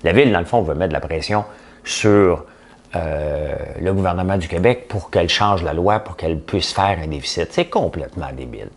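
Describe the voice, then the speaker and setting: A man's voice: low voice, lively intonation, normal speed. A middle-aged man with a Québécois French accent, hosting a casual morning commentary with folksy jokes and rambling asides. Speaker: commentary podcast host.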